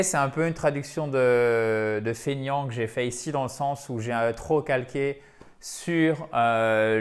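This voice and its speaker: French male English teacher, patient step-by-step explainer, online lesson. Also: medium pitch. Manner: explains step by step, addresses viewers as chers amis.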